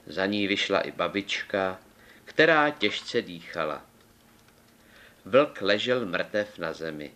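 A man reading a fairy tale aloud in a measured, deliberate way. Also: sits low, lively intonation, bright, forceful tone. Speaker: storyteller.

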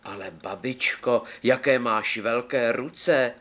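A man's voice: medium pitch, a bit bright, close to an everyday voice. A man voicing an innocent, trusting young girl in a fairy tale, speaking sweetly and naively. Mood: wondering.

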